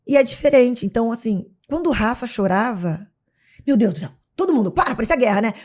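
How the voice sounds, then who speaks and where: On the high side and talking fast, this Brazilian woman is a mother of three and a guest on an interview show. She tells her stories casually and with animation, acting out scenes in a Brazilian Portuguese accent.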